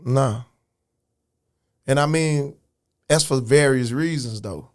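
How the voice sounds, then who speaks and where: A rapper, an adult past his early years, guests on a casual podcast interview in a dry studio. He speaks slowly with a medium-pitched, darkish voice, laid-back, frank and profane, restarting sentences and saying "you know what I'm saying."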